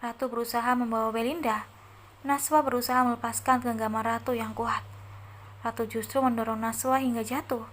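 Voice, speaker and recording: A woman reading an audio novel aloud in a steady storytelling manner. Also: on the high side, a little fast, a little hiss or hum. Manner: steady storytelling, first-person voice.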